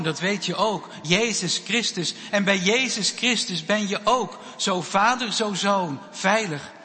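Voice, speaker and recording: A man giving a children's sermon and telling a story slowly, with pauses. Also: high-pitched, pushed and bright. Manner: slow, storytelling delivery with pauses. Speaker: preacher. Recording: long hall reverb.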